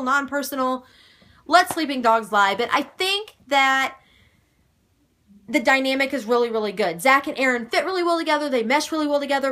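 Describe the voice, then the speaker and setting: A woman's voice: sits high, pushed and bright. A young woman answering viewer questions in a casual, chatty video, emphatic and gushing, with mild swearing. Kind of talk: casual chat.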